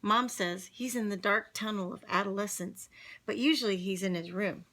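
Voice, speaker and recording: Bright, lively woman reading a picture book. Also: medium pitch, normal speed. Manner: lively, chatty, with laughing asides. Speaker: singer reading a children's book online.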